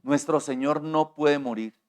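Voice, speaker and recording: A man preaching a sermon as pastor at a church altar, impassioned, moving from hushed asides to shouting and asking the congregation questions over and over. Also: on the high side, a little slow. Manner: asks the congregation frequent questions.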